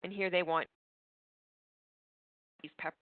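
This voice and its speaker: A woman presenter speaks over a video call, her voice sitting slightly low and heard through a thin, phone-like line with no room sound at all. The audio is corrupted and glitchy, dropping out mid-sentence. She talks in a plain, conversational way, walking through everyday examples. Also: fairly even intonation, takes it slowly, no room sound. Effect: corrupted glitchy audio cutting out. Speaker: webinar presenter and workshop leader. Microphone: video call setup, wired in. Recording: tinny, dry online call line.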